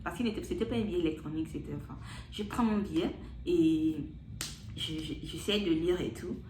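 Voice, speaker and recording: A young woman tells a personal story in a loose, chatty vlog style, leaning on fillers like "donc, du coup". Her voice sits fairly low. The room sounds echoey, with a faint hum of background noise. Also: moderate pace, a little mellow. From Gabon. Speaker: vlogger. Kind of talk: casual storytelling.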